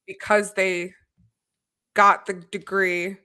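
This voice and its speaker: A woman's voice: mid-range voice, flat delivery, slow pace, bright, forceful tone, clear, resonant tone. A young woman co-hosting a casual podcast over a video call, chatty and sarcastic. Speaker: co-host. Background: faint music.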